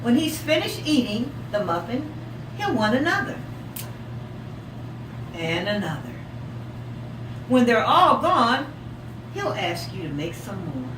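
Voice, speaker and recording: A woman teacher with a fairly high voice reads a picture book to young children, asking questions and encouragingly repeating their answers. She stretches story words out expressively for emphasis, and the distant mic picks up an echoey room with loud background noise.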